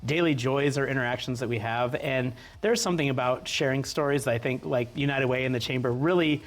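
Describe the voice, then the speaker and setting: A man hosting a casual interview in an agreeable, conversational way, often halting as he goes. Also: mid-range voice. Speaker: interview host.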